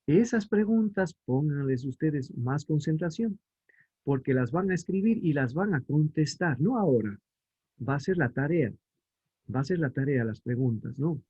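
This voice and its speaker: A man's voice: fairly high pitch, dark tone, breathy edge, dull audio. A man giving a religious lesson to families, explaining patiently and asking questions that he answers himself. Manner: reads scripture aloud slowly. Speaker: family catechist.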